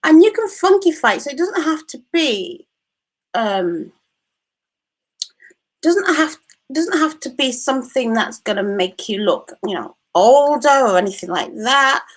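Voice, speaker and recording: A woman with a British accent presenting a casual hair-care tutorial, talking in a calm, reassuring way with many "you know"s. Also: sits high, a little slow. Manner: reassuring, repetitive, uses fillers like "you know".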